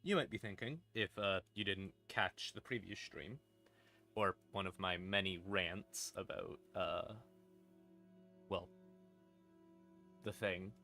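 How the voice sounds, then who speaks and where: This storyteller's voice is low, slow and creaky, with a sharp tone and long pauses. He is a man livestreaming, casual and self-deprecating, mixing off-the-cuff rambling with second-person horror narration set against creepy ambient music.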